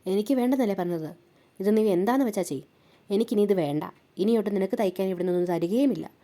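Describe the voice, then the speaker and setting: A woman's voice: a little high, animated, quick pace, mellow, voice pushed up, natural voice. Woman voicing a scornful village woman. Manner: scolding, dismissive. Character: harsh middle-aged woman, scornful and dismissive.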